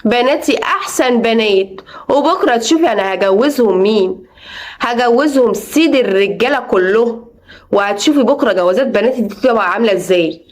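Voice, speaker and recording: Woman storyteller doing a haughty Egyptian sorceress neighbor: high, fast, dismissive. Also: animated, lightly acted. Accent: Egyptian Arabic. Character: scheming spiteful middle-aged neighbor woman, a sorceress.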